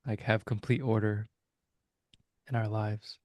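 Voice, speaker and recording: A man's voice: on the low side, flat delivery, measured pace, darkish tone, no room sound, clean studio sound. A man co-hosting a reflective spiritual podcast, musing aloud and searching for his words with many hesitations. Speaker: podcast co-host. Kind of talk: casual reflective conversation.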